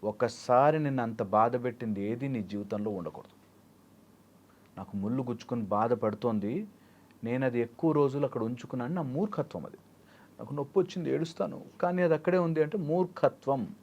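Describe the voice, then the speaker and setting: A man's voice: mid-range voice, brisk, darkish tone. Male life coach in an interview, advising through homely examples with English phrases mixed in. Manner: explains with everyday examples, mixing English phrases. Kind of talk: interview answers.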